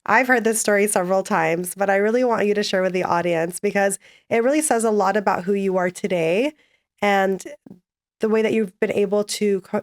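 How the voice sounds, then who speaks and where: A woman hosts a podcast interview, prompting her guest in an encouraging, conversational way. Her voice sits in a middle range. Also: medium pitch. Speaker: podcast host.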